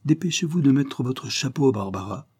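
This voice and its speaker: Man reading as a calm young lawyer, firm, good-humoured, dark husky voice, storybook. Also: mid-range voice, normal speed, pitched above the performer's own voice. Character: calm self-possessed young male lawyer.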